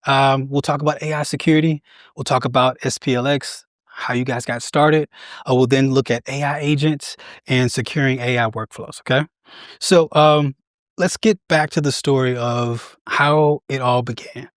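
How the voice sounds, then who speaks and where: A man's voice: mid-range voice, steady tone, normal speed, no room sound, clean studio sound. A man hosting an interview podcast, upbeat and friendly with short affirmations. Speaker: podcast host.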